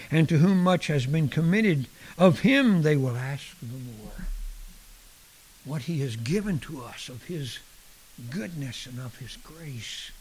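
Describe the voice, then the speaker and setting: A man preaching a sermon, expressive, dropping at times to a hushed near-whisper and chuckling at his own jokes. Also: a little high, husky. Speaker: pastor.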